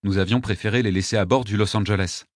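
A man narrating a story in a steady, measured way. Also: lowish voice, dry recording, clean studio sound. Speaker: audiobook narrator. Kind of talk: scripted narration.

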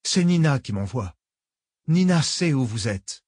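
A man's voice: medium pitch, very animated, measured pace, darkish tone, no room sound, clean studio sound, voice pushed up. A man voicing a frightened young woman who speaks in a desperate, defiant way.

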